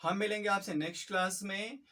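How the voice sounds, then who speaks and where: A man teaching a biology lesson, talking quickly and repeating key points, slipping in English terms. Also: high-pitched, steady tone, sharp tone, distant mic. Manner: quick, repetitive explanations mixing in English terms. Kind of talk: fast-paced biology lecture.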